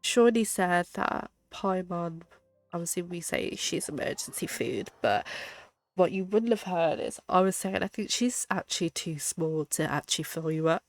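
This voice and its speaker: Brief: chatty woman game streamer, gravelly edge, faint game music under. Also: on the low side, expressive, normal speed, no room sound. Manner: chatty, giggly, amused commentary. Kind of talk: casual gameplay chat.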